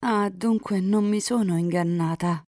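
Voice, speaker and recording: A woman's voice: a little slow, a little mellow, no room sound, studio quality, lightly acted. A woman reading aloud, voicing a tender young woman in love who pleads earnestly. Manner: earnest, emotional, rising pitch.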